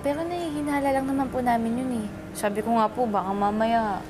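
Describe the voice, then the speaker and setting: Woman acting gentle deferential daughter, Filipino accent, highish voice, TV drama, music underneath. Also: steady tone, fairly quick, close to an everyday voice. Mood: worried. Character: polite, gentle, guilt-prone young daughter. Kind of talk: TV drama dialogue. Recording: music behind dialogue.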